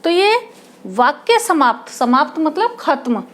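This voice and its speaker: A woman's voice: high-pitched, sing-song, slow, a bit bright. A woman teacher explaining a grammar lesson, asking her class questions and restating each term in simpler words. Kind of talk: Hindi grammar lesson at a board.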